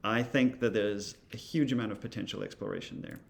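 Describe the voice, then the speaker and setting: A male instructor casually walking through software, thinking aloud with many fillers and asides. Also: on the low side, fairly quick, creaky.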